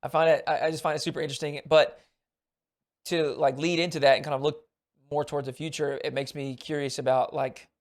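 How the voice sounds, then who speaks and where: Thoughtful American man, fairly high voice. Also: little pitch movement, fairly quick. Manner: thoughtful, reflective musing. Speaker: podcast host. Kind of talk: casual podcast chat.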